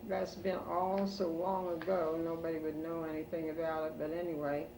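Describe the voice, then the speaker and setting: An older woman with an American Midwestern accent reminisces about family history in a halting way, pausing as an oral history interviewee at home. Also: sits low, level tone. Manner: halting, slow elderly reminiscing with pauses. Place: in a room at home. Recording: roomy, distant home recording with background noise.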